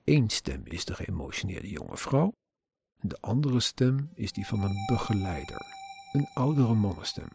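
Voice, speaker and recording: A man's voice: fairly low pitch, sing-song, normal speed, creaky, darkish tone, soft background music. A man earnestly narrating his own experiences in a personal account, with an indignant edge.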